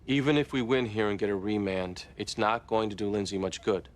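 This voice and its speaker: An actor playing a seasoned senior lawyer who coaches a younger colleague in a steady, measured, reassuring way. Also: male voice, lowish voice, close to an everyday voice. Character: calm seasoned male senior lawyer, mentoring. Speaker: senior defense attorney coaching a junior. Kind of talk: TV legal drama acting.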